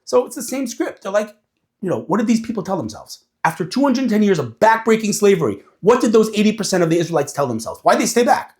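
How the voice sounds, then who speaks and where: A man talking casually to an audience, animated and acting out quoted voices as he explains. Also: sits high, quick pace. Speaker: speaker.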